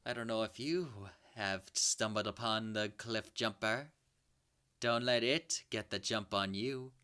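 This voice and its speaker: A speaker presenting a countdown in a horror-host manner, with theatrically spooky asides and dramatic pauses. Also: medium pitch, pushed and bright, slight background noise. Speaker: host of a top-ten creature countdown video. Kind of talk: spoken countdown commentary, semi-improvised.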